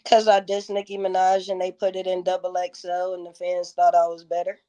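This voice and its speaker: A woman's voice: on the low side, monotone, brisk, dark tone. A woman in her thirties, a guest in a casual interview, telling stories bluntly with plenty of profanity. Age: 30s.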